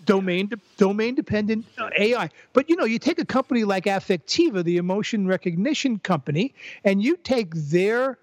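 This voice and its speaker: An older man with a notably high voice speaks as a podcast guest. He reasons aloud, repeating words and restarting as he works toward a point. The sound is dry and close. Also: animated, no room sound. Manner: thoughtful, halting restarts, repeats words while building a point. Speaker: podcast guest, psychologist and former professor. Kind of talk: conversational interview.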